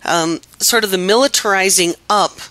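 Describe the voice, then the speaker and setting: A woman's voice: medium pitch, normal speed, fairly bright tone, dry recording, rough recording. A woman hosting a podcast interview, asking probing questions and stressing key words. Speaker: podcast host.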